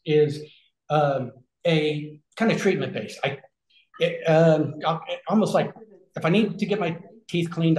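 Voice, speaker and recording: A man's voice: a little high, darkish tone. A man in his forties on a video call from a small room, explaining things in a conversational way with many fillers and restarts. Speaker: regenerative health concierge. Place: small room with shelves, indoors. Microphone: video call webcam. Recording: echoey room.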